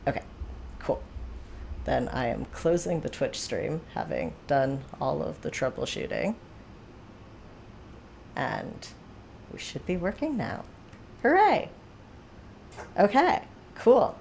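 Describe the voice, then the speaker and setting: A woman's voice: extremely low pitch, big pitch swings, slow pace, gravelly, long pauses, darkish tone, a little hiss or hum. A woman hosting a livestream from home, chatting casually with viewers in a rambling way full of fillers and asides. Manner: rambling, filler-heavy, self-aware. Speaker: livestream host. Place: home, seated.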